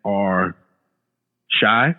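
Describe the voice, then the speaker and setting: A man in his late thirties speaks very slowly in a lowish voice, chatting casually as a podcast guest. He often repeats words and says "you know." The audio sounds like a phone-style remote line with long reverb.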